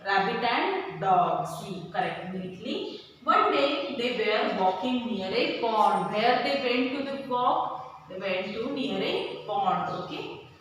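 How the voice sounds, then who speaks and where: A woman primary school teacher giving a lesson to children, explaining slowly and asking them questions as she goes. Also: mid-range voice, expressive, a bit bright. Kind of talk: online class lesson. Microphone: far from the mic. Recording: echoey hall from far off, faint background hum.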